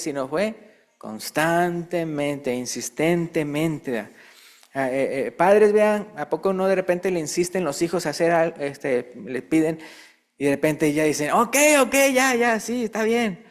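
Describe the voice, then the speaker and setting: A man's voice: a little slow, a little mellow. A man preaching a sermon in a conversational way, asking the congregation questions and acting out quoted voices. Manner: acts out quoted voices with rising pitch.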